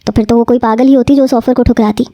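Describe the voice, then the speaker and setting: High, mellow woman narrating a novel. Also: steady tone, dry recording, muffled recording. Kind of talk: scripted narration of a romance novel.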